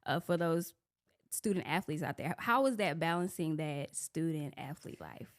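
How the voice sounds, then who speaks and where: A woman's voice: low voice, expressive, moderate pace. A woman from Florida hosting a podcast interview, talking in a loose, chatty way with plenty of "like". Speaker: podcast host. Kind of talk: casual interview chat.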